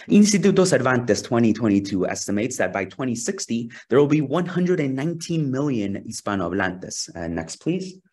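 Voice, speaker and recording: A man's voice: medium pitch, breathy edge. Peru-born man giving a webinar talk. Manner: earnest, asks for next slide, some restarts. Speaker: social scientist presenter. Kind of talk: webinar presentation. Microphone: video call webcam.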